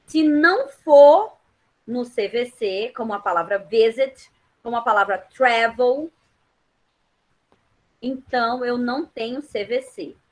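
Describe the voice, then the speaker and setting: A woman's voice: a little high, poor audio. A woman teaching English grammar in Brazilian Portuguese, explaining step by step and checking that her students follow. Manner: patient, checks understanding with quick questions.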